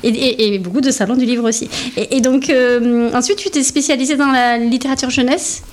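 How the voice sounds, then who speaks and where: A woman's voice: a little high, a little fast. A woman hosting a radio show in a radio studio, chatting casually with guests and laughing often. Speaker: radio host.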